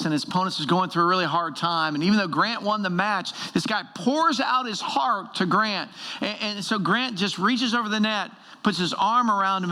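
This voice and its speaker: A middle-aged man preaches a sermon in a slightly raised register with a gravelly edge to his voice. He tells stories with animated energy and repeats key lines for emphasis. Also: high-pitched. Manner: animated storytelling with emphatic repetition. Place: church service.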